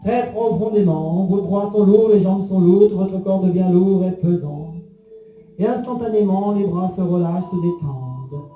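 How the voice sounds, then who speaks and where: A man's voice: sits high, normal speed, warm tone. A man leading a guided hypnosis session in a soothing, repetitive, suggestive manner. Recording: roomy echo under music.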